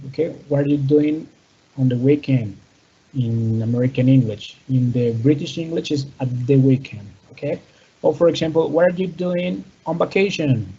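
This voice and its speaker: A man's voice: mid-range voice, dark tone, husky. A man teaching an English class online in two languages, explaining step by step, with many fillers and restarts. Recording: dull, lo-fi recording.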